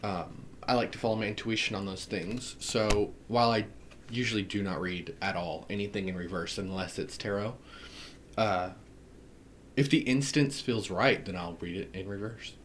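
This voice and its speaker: Man, Southern US accent, lowish pitch, gushing, chatty tarot reader, faint background hiss. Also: fairly even intonation, normal speed. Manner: gushing and enthusiastic, laughs often. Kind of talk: casual deck unboxing chat.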